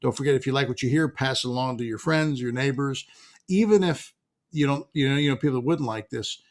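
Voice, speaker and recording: A man's voice: mid-range voice, brisk. A middle-aged man with a Pittsburgh accent hosting a podcast, teasing his co-host and laughing often as he wraps up the show. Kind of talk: casual podcast chat.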